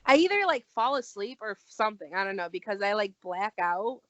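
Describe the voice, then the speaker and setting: A woman's voice: mid-range voice, a little fast, no echo. Young woman telling a story, dry lo-fi sound. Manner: animated, acts out quoted dialogue. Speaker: guest. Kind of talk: casual storytelling. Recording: dull lo-fi recording.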